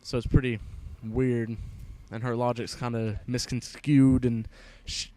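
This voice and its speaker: Here the late-teen gaming vlogger's mid-range voice comes across flat, mellow, and a little slow. He's casually telling a profane school story that rambles and restarts while he plays.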